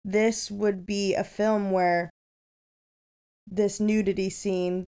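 A woman co-hosting a podcast who retells film scenes in a lively, chatty way, with lots of "like" and quick "yeah"s. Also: mid-range voice, clear, resonant tone. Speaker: podcast co-host. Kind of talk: casual film discussion.

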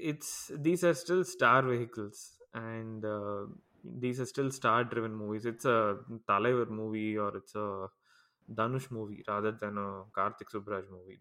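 A man's voice: lowish voice, sharp tone. A man with a South Indian Tamil accent in casual discussion, switching between English and Tamil.

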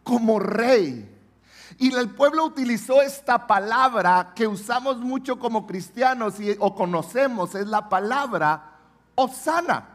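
A man's voice: sits high, fairly bright tone. A man preaching a sermon as pastor, emphatic and putting questions to the congregation.

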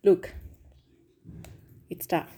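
A woman's voice: extremely slow, warm tone, slight background noise. A woman co-hosting a podcast, asking questions in an easygoing, teasing casual chat. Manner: easygoing, asks questions, teases back. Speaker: podcast co-host.

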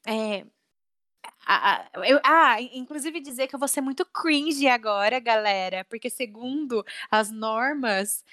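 A woman's voice: a little high, a little slow, pushed and bright. A young adult woman in a casual chat, talking emotionally with lots of fillers.

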